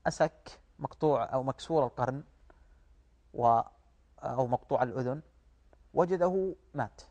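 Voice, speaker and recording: Man scholar in an interview, formal arabic, teachy and rhetorical, average pitch, talks fast. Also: darkish tone. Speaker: guest Islamic studies scholar. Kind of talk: religious explanation in an interview.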